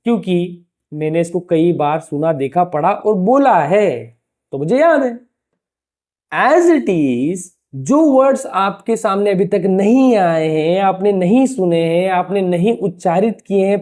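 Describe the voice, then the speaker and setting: A man teaching a lesson in a relaxed, chatty tutor's way, with a mellow, darkish voice. He keeps firing rhetorical questions and calls his listeners "brother" in a familiar tone. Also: high voice, measured pace. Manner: talks to the viewer like a familiar tutor. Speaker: English teacher. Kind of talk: casual explanatory lesson to camera.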